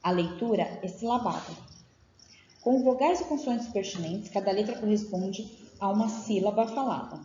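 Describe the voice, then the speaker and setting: A woman's voice: mid-range voice, expressive, normal speed, warm tone. Woman giving an echoey training lecture. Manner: explains patiently, with frequent check-in tags. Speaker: teacher trainer. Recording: dull, echoey room audio with faint noise.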